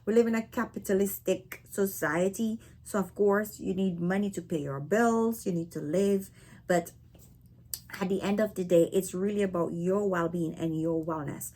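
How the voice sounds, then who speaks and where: Husky Barbadian woman vlogger. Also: fairly low pitch, moderate pace, dark tone. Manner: chatty, frequent "right?" and "okay?" tags. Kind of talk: casual talk to camera. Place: living in North America.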